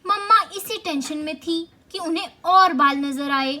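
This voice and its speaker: A woman narrating a doll-play story for children in a gentle, explaining way. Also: extremely high pitch, measured pace.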